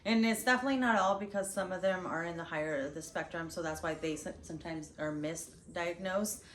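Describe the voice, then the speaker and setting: A woman co-hosts a relaxed channel chat about parenting, as a parent herself, talking loosely with frequent fillers and restarts. Her voice is on the low side and fairly bright, and she speaks fairly quickly. The room sounds roomy, with faint background noise.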